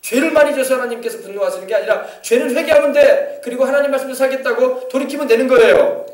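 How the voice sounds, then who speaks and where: High-voiced Korean pastor preaching, echoey. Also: male voice, fast, far from the mic. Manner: emphatic, often asking the congregation to confirm. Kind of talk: sermon. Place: church sanctuary.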